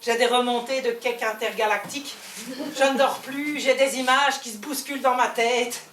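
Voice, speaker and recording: A woman with a Belgian French accent performing a theatrical stand-up monologue on stage, swinging between loud outbursts and hushed asides. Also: on the high side, fairly even intonation, moderate pace, a little hiss or hum. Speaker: comedian. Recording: echoey hall, voice from far off, faint ambience.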